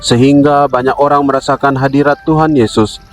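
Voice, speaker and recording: A man's voice: mid-range voice, steady tone, faint music behind, low-quality recording. Solemn man leading a devotional. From Indonesia. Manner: solemn, measured, addresses listeners as brother. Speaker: devotional speaker.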